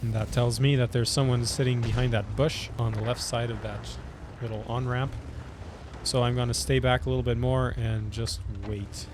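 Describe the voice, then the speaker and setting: A man with a scratchy voice from a cold, hosting casual commentary over his own tank gameplay and calmly explaining his tactics. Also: mid-range voice, normal speed. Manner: relaxed, explaining tactics as he plays. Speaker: gaming channel host.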